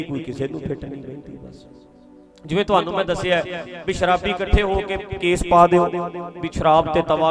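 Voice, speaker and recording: A man preaching from a stage to a congregation, earnest and pleading, repeating his phrases for emphasis. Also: high-pitched. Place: outdoor religious gathering stage. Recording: crowd noise from a large gathering.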